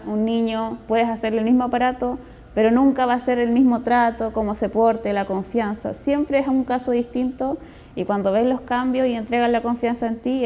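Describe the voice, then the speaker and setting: A woman's voice: a little high, dark tone. A woman dentist from Chile with a Chilean accent, speaking in a testimonial interview in an earnest, explanatory, conversational way.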